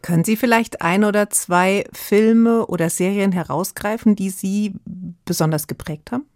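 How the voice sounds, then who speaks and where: Woman radio host, measured questions. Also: mid-range voice, a little mellow, dry recording, clean studio sound. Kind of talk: radio interview.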